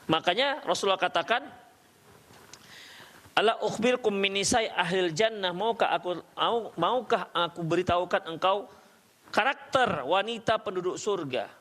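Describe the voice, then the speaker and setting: A man's voice: sits high, expressive, normal speed, fairly bright tone. A man giving a religious study lecture as a preacher. He recites Arabic verses and keeps the talk conversational by quizzing his listeners. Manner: conversational, quizzes the audience with questions. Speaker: Islamic preacher teaching a study circle.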